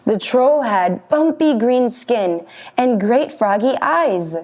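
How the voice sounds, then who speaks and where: A woman teacher reading a children's story aloud with expressive storytelling. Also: a little high, takes it slowly.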